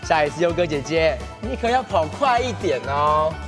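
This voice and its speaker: A young man with a Taiwanese Mandarin accent hosts a children's game, talking gently, patiently and playfully, as if reading to a toddler. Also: fairly high pitch, animated, normal speed. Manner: playful, encouraging. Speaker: children's TV game show host. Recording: music playing behind the voice.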